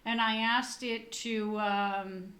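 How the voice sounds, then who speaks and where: Co-hosting a casual tech podcast, a woman who speaks Danish and English explains her tests in a chatty way that tends to trail off. Her voice is a little high and a bit bright, with a level tone and slow pace, and the sound is roomy.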